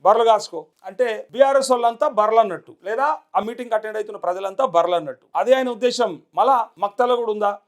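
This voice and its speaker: A man speaks in a Telangana accent, firing off angry rhetorical questions and mocking jabs in rapid succession. His voice sits high for a man and the words tumble out quickly. It sounds like heated political commentary. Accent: Telangana Telugu.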